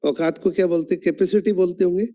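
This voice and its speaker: A man leads an online training session, putting questions to his listeners as he explains. His voice sits a little high but sounds warm and mellow. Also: steady tone, fast. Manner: instructive, asks the audience questions.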